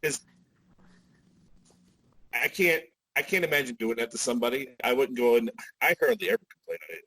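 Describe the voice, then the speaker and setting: A man in his forties talking as a podcast guest, relaxed, with frequent restarts and asides. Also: medium pitch, a little fast, pauses often, no room sound, rough recording. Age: 40s. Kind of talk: casual podcast conversation.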